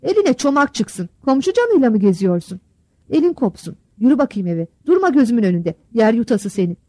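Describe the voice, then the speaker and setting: A hard, scornful village father who scolds his son coarsely, as a woman reader acts him out. The voice sits raised and warm. Recorded close and dry for a storybook. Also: fairly high pitch, very animated, fairly quick, no echo.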